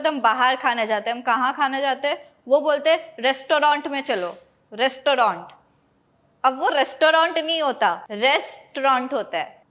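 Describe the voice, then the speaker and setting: A woman with a high voice gives a pronunciation lesson. She explains each word step by step and spells it out letter by letter. Soft music plays behind her. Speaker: English pronunciation teacher. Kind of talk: classroom-style lesson. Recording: light background music.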